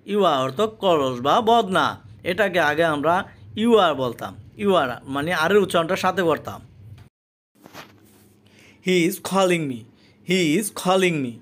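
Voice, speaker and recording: A man teaching English pronunciation, repeating each word and its meaning twice in a slow, patient explanation. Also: high-pitched, animated, fairly bright tone. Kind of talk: spoken language lesson.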